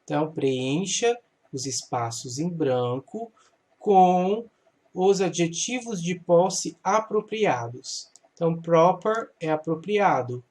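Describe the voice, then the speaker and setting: A man's voice: on the high side, animated, a little mellow. A man teaching an English grammar lesson step by step, patiently asking questions and answering them himself. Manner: patient, explains slowly, asks and answers his own questions.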